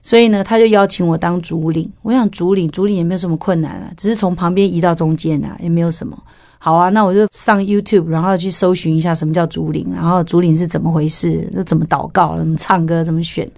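A woman's voice: on the low side, fairly even intonation, quick pace, gravelly, a little mellow, no room sound, studio quality. A middle-aged woman, a former singer and worship leader, telling her personal testimony in a candid storytelling way and acting out the voices she quotes.

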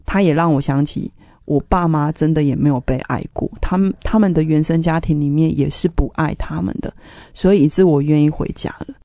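Earnest woman with a low, mellow voice. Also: a little fast, dry recording, clean studio sound. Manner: earnest, emotional retelling of family conflict. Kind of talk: personal testimony storytelling.

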